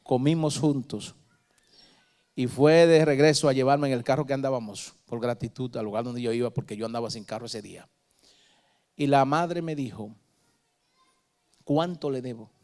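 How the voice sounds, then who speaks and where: A male preacher telling stories emphatically in a sermon, swinging between soft and loud. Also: medium pitch, moderate pace.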